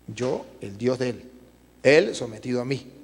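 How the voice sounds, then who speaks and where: A man's voice: mid-range voice, lively intonation, unhurried, breathy edge, in a large hall. A man, a priest preaching at a retreat, telling stories animatedly and asking the audience questions. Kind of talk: sermon at a retreat.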